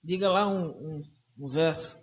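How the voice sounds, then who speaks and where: A woman's voice: deep voice, a little slow. A woman moderating a conversation circle, talking casually with frequent hesitations and restarts. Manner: hesitant, many restarts and fillers. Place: auditorium of a cultural center.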